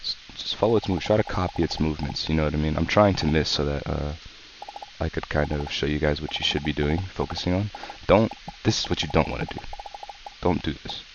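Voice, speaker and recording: Sick and nursing a sore throat, a man who runs a gaming channel talks through a tutorial in casual, soft-spoken coaching that's calm and slow. He has a very deep voice, and the dull lo-fi microphone adds a faint hiss.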